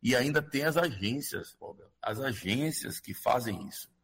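A man's voice: medium pitch, lively intonation, moderate pace, creaky, a bit bright, husky. A man with a Brazilian Portuguese accent explaining things as a guest expert in an interview, often checking for agreement in a conversational way.

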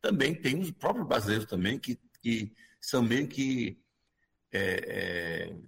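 A man's voice: mid-range voice, lively intonation, slow, gravelly, husky. A man with a Brazilian Portuguese accent explaining things as a guest expert in an interview, often checking for agreement in a conversational way.

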